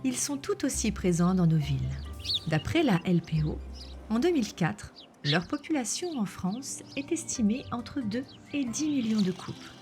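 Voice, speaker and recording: A woman reading scripted nature documentary narration in a measured, explanatory way. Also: fairly high pitch, big pitch swings, a little mellow. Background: background music.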